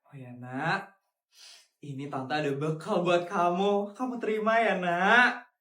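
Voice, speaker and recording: A woman playing a kind, wealthy middle-aged aunt who speaks softly and consolingly. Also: lowish voice, unhurried, roomy sound, recorded from a distance. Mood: gentle. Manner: soft, gentle, consoling.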